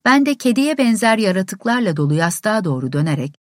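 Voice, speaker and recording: A woman narrating an abridged classic novel as a calm, steady audiobook reader. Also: mid-range voice, fairly quick, no room sound, studio quality.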